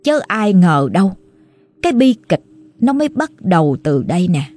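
A woman's voice: fairly low pitch, big pitch swings, moderate pace, a little mellow. A woman with a Southern Vietnamese accent narrating a ghost story in a chatty, colloquial, exclamatory way.

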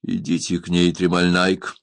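A man's voice: sits low, moderate pace, vocal fry, no echo, clean studio sound. Man voicing a firm pirate captain. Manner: calm, firm. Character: commanding pirate captain, firm yet tender.

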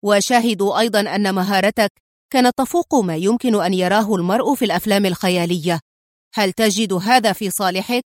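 A woman reading an angry, chain-smoking male police inspector in an audiobook, with a sharp, scolding manner. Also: high voice, brisk, no echo, studio quality, natural voice.

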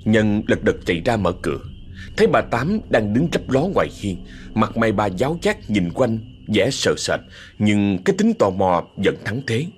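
A man narrating a horror story in a dramatic, expressive way. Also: fairly low pitch, normal speed, slight background noise.

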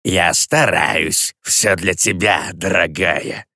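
A sated male demon speaks low, slow and quiet, coolly indifferent, as the narrator puts him on. The voice drops below the reader's own and is recorded close and dry. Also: fairly even intonation, no echo, full character voice. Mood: calm. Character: calm, low, well-fed male demon.

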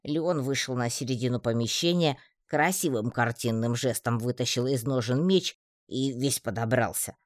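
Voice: medium pitch, normal speed, no echo. Audiobook narrator, dry close sound. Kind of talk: first-person audiobook narration.

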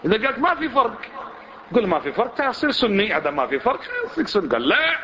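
A man's voice: high-pitched, sing-song, rapid-fire, a bit bright. A man teaching a religious lesson, speaking colloquially and questioning his listeners directly. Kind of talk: religious lesson to a seated audience. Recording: dull lo-fi recording with faint noise.

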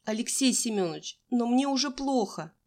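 A woman's voice: fairly high pitch, animated, moderate pace, darkish tone, voice pushed up. A woman voicing an exhausted fifteen-year-old schoolgirl, pleading in a raised voice.

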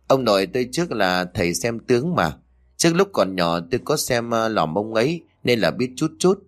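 A man's voice: medium pitch, sing-song, moderate pace, close to an everyday voice. A man voicing a gossiping older woman neighbor in an audio story, insistent and talkative.

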